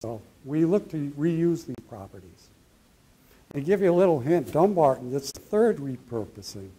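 A man's voice: medium pitch, warm tone, husky. Middle-aged guy at a town hall, handheld mic, explaining a project to the crowd. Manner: explanatory, answers audience questions. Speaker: county library official presenting a project. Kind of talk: public town hall presentation. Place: meeting room with projector screen. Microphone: handheld microphone.

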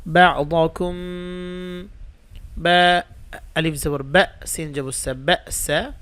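A man's voice: on the high side, fairly even intonation, very slow, fairly bright tone, no echo. A man teaching Quran reading in a lesson, patiently spelling out letters and vowel marks one by one. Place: indoors, rain audible outside.

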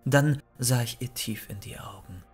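A man in a mid-range voice reads a horror story aloud, measured and suspenseful in his pacing. Faint music plays softly behind him. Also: medium pitch, husky. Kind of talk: scripted narration of a horror story. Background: faint background music.

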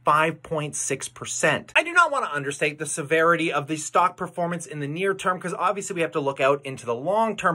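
A man's voice: fairly high pitch, sharp tone. A young man hosting an investing video, talking casually and energetically to the camera, often calling viewers "guys". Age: young adult. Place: indoor room.

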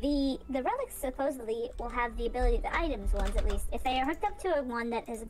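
Woman voicing a high childlike AI server. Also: animated, fast, a little hiss or hum, lightly acted, low-quality recording. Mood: explaining. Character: childlike female AI game server, helpful. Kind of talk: gaming roleplay.

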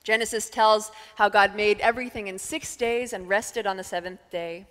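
Woman preaching in a reverberant church. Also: medium pitch. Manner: calm, measured preaching with thoughtful pauses. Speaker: pastor. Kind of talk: sermon. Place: church sanctuary. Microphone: headset mic. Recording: long reverb of a church sanctuary.

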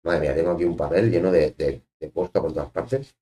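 Deep-voiced joking streamer. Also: male voice, quick pace, mellow. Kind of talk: casual live-stream chat while drawing.

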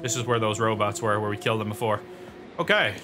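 This gameplay commentator has a lowish voice and a quick pace, chatting casually as he plays with game music and sounds behind him. He thinks aloud throughout and curses from time to time.

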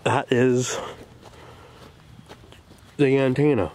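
A DIY vlog host explains a hands-on job in short, plain steps into a handheld camera held at arm's length, working outdoors in a yard and in a parked vehicle. His voice is medium-pitched and darkish, with fairly even intonation, and he speaks very slowly. The camera picks up clear ambient noise.

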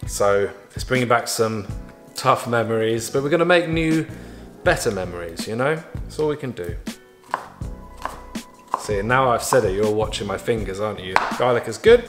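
A man chatting casually as he cooks in his home kitchen, with playful asides and small jokes. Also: mid-range voice. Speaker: home cook, vlog regular. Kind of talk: casual cooking walkthrough. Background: background music.

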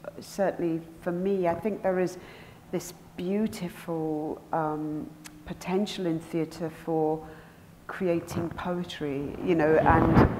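A woman writer speaking on a festival panel, measured and reflective. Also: lowish voice, steady tone. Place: festival event hall. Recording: roomy hall with audible noise.

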